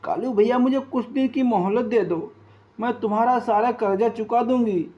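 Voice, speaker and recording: A man's voice: very high voice, normal speed, pitched above the performer's own voice. A man voicing a grieving widowed mother bird who wails and pleads. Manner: wailing, pleading. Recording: dull lo-fi.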